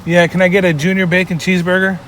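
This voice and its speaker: A man's voice: high-pitched, little pitch movement, fast, fairly bright tone. A man ordering food at a drive-through from his vehicle, talking in a casual, upbeat way. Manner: casual, upbeat, talks straight to viewers. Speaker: vlogger host. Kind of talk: casual vlog. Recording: car noise behind the voice.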